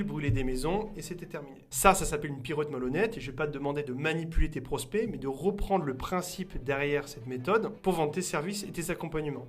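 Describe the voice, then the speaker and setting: Young guy coaching freelancers to camera, slightly high voice, soft music bed behind. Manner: casual, addresses viewer as "tu", punchy pitch-style delivery. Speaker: business coach. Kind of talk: direct-to-camera coaching video.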